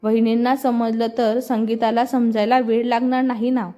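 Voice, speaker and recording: Woman reading as a calm older father. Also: a little high, moderate pace, lightly acted. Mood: reassuring. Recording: slightly muffled with soft music.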